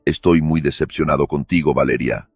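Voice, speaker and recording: A man voicing an unflappable senior law firm boss who speaks slowly, evenly and without emotion, probing with pointed questions. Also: a bass voice, fairly even intonation, husky, no room sound, full character voice. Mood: impassive. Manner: slow, measured, emotionless, probing. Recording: dull lo-fi recording with faint music.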